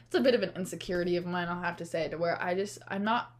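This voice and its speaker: A woman's voice: fairly low pitch, fast talker. Young American woman with Valley Girl uptalk. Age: young adult. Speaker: podcast co-host. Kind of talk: casual chat between friends.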